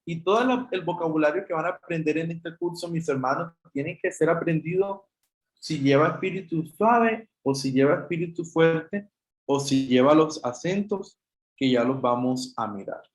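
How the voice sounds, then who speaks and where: A man's voice: fairly high pitch, moderate pace, reverberant, poor audio. A man teaching an online Greek class, explaining patiently step by step and addressing students as brothers, with a Chilean Spanish accent.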